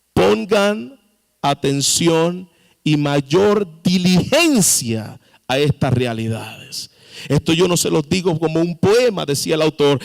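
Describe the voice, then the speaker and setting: A man's voice: a little high, creaky. A man preaching a sermon as pastor, with sudden emphatic rises and questions to the congregation. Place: church sanctuary. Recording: long reverb of a church hall.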